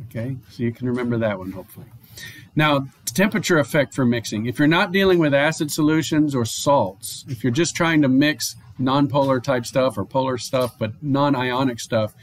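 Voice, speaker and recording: A man's voice: mid-range voice, moderate pace. Man teaching a chemistry lecture. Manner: explanatory, with frequent fillers and restarts. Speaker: chemistry professor. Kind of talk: recorded online lecture. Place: home or office, online lecture.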